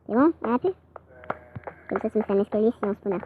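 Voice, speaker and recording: A woman giving excitable, chatty gameplay commentary, her voice sped up and pitched higher. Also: fast. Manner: excitable, chatty, frequent exclamations. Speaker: game channel host. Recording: dull lo-fi audio with clear noise.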